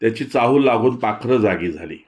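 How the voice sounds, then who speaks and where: A man reading a novel aloud in a measured, expressive storytelling manner. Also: mid-range voice. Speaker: audiobook reader.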